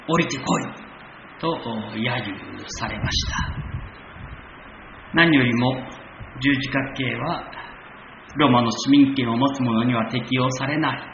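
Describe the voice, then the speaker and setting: A man's voice: medium pitch, highs cut off, background noise. Man preaching in a roomy hall. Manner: measured preaching, rising for emphasis. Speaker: pastor. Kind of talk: sermon.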